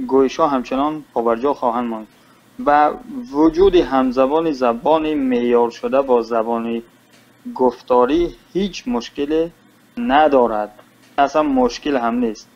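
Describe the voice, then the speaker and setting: A man, a linguist, answering in a radio interview in a brisk and assured way. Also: mid-range voice, darkish tone. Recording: muffled radio recording.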